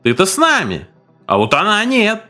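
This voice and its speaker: A man voicing a rowdy gang of crude young thugs who yell coarse insults at each other. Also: sits high, wildly swooping pitch, normal speed, soft background music, pitched above the performer's own voice, heavily acted. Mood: jeering.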